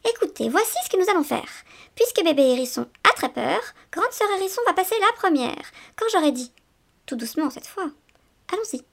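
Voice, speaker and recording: A woman voicing a gentle, soothing mother hedgehog in a storybook reading, soft and reassuring. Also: very high-pitched, sing-song, brisk, vocal fry, full character voice.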